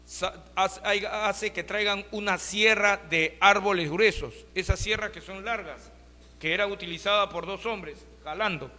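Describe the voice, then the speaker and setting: A man preaches a sermon in a high, bright voice, throwing rhetorical questions at his congregation. His voice rings through a reverberant hall with a long tail of echo. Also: a little slow. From Peru. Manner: rhetorical questions, addresses listeners as brothers. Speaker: pastor.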